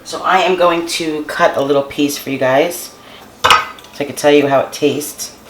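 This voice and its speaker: A woman's voice: low voice, steady tone, normal speed, echoey room, background noise. A woman hosting a casual home cooking tutorial, chatting to her viewers and calling them guys. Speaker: cooking channel host. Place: home kitchen.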